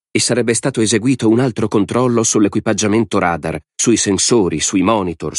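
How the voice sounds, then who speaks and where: A man reads an audiobook in a measured, dramatic manner. His voice sits very deep, and the studio sound is dry and close, with no room around it. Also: no room sound. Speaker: audiobook narrator. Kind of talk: scripted narration.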